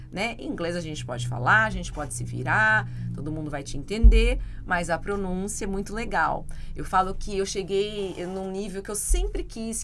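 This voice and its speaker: A woman with a Brazilian Portuguese accent talks through a point on a casual podcast. She is an English teacher and explains in a chatty, rambling way with plenty of fillers. Her pitch sits in a middle range, and a faint hiss runs under the recording. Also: a bit bright.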